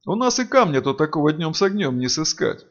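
A man's voice: on the high side, big pitch swings, fairly quick, fairly bright tone, highs cut off, voice pushed up. A man reading as a grumbling blunt gnome. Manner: grumbling, folksy. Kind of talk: audiobook character reading.

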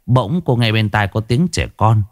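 A male storyteller reads a ghost story with dramatic expression. His voice sits fairly low, with a lively rise and fall. The recording is dry and close. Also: moderate pace, no echo.

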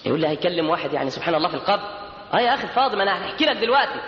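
A man's voice: sits high, big pitch swings, rapid-fire, slight background noise. A man with an Egyptian Arabic accent preaching a sermon in an emphatic way, sometimes chanting lines of verse. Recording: echoey lo-fi hall recording.

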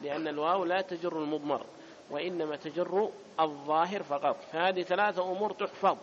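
A man's voice: a little high, steady tone, fast talker, lo-fi sound, slight background noise. A man teaching an Arabic grammar class, who repeats each point and keeps asking whether students follow. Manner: repeats points and checks understanding. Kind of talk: classroom lesson.

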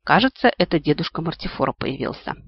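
A man's voice: fairly high pitch, lively intonation, fast, gravelly, husky. A man reading a first-person fantasy audiobook with wry, ironic asides. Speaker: audiobook narrator. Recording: dull lo-fi, dry.

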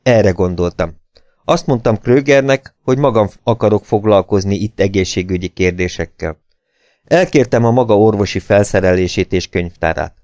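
A man's voice: lowish voice, a little mellow, no room sound, close to an everyday voice. A man reading as a stern plantation manager. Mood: curt. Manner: cold, businesslike.

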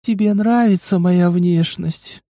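A man's voice: sits high, slow, warm tone, dry recording, clean studio sound, pitched above the performer's own voice. A man voicing a young undead pet girl who is coy, childish and capricious. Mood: coquettish. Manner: childish, wheedling coquettish lilt.

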